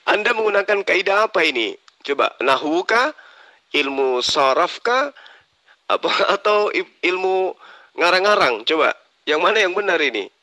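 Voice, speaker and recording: A man with a bright, forceful voice cross-examines his opponent in a heated religious debate, sarcastic and insistent. The sound is close and dry, with no room around it. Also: high-pitched, expressive, moderate pace, pauses often, no echo. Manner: challenging, pressing questions, sarcastic. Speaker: Islamic preacher debater.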